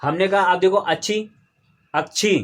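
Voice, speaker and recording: A male teacher with a notably high voice runs a classroom lesson. He keeps firing questions at the class and patiently repeats each key term until it sticks. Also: moderate pace, fairly bright tone. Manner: quizzes the class with call-and-response questions. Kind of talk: classroom Hindi grammar lesson. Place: classroom with students.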